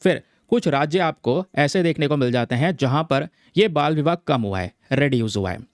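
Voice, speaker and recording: A man with a slightly high voice and lively intonation speaks at a moderate pace in a studio-quality recording free of room sound. He guides exam students through a newspaper article casually, frequently checking in with viewers he calls friends. His Hindi carries English terms, and he keeps repeating "theek hai."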